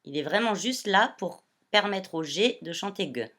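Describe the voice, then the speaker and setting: A woman primary school teacher giving a reading lesson to young children, speaking slowly and clearly as she addresses them. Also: mid-range voice, lively intonation, fairly bright tone.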